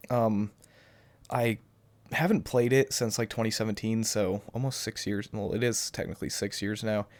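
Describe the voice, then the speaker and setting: A young gaming YouTuber answers viewer questions into a cheap webcam, rambling and hesitant with many restarts and ums, his voice still a bit off from the flu. It's casual Q&A to camera in a lowish, fairly even voice at moderate pace. The recording is dry.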